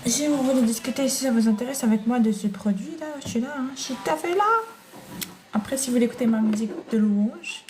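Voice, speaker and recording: A woman with a foreign, non-French accent runs a relaxed live shopping stream, talking quickly in a slightly high voice. She addresses viewers as family and reads out their comments while praise music plays and background noise lingers.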